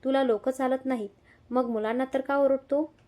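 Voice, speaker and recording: A woman's voice: high voice, steady tone, normal speed, dark tone, close to an everyday voice. A woman voicing a stern old grandmother who gives commands in a read-aloud story. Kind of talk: audio story reading.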